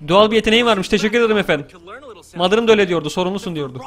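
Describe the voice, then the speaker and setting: A young man casually commenting on his gameplay, joking around and shouting excitedly at the action. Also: high-pitched, rapid-fire. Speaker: gaming YouTuber.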